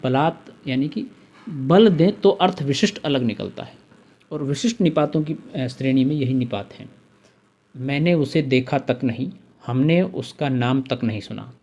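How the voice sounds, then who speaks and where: A man's voice: mid-range voice, darkish tone, lo-fi sound. A man teaching a Hindi grammar lesson, methodically listing examples one by one and repeating the key terms.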